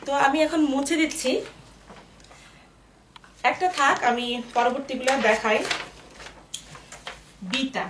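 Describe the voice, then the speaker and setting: A woman teaching a language lesson at a board, spelling words out slowly syllable by syllable. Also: high voice, background noise. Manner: slow, syllable-by-syllable explaining. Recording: echoey room, voice from a distance.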